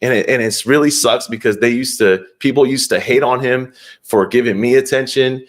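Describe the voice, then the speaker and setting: A man's voice: mid-range voice, moderate pace. Earnest young man telling a story. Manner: earnest, rambling with restarts, heartfelt. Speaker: podcast guest, fighter. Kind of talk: casual storytelling interview.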